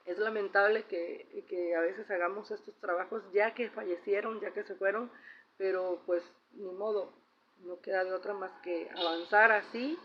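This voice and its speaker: A woman's voice: medium pitch, fairly even intonation, normal speed. A middle-aged woman with a Mexican accent, telling a family story in a casual personal vlog and often tagging her sentences with a questioning "¿no?". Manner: chatty, ends phrases with a questioning "¿no?". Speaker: vlogger sharing personal reflections. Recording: slightly dull recording with faint noise.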